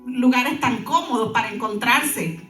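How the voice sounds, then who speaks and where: High-voiced woman pastor preaching. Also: measured pace, reverberant, far from the mic, soft background music. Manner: animated preaching with asides. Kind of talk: sermon.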